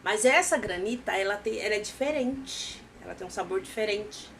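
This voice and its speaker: A woman with a Brazilian Portuguese accent, recapping a series in a casual, animated storytelling way. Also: mid-range voice, moderate pace, slight background noise. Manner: animated storytelling, acting out characters' lines.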